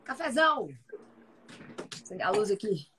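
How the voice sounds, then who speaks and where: A woman's voice: medium pitch, animated, normal speed, bright, forceful tone, slight background noise. A woman co-hosting a casual live chat as a nutrition mentor, talking in a chatty, emphatic way and repeating her phrases.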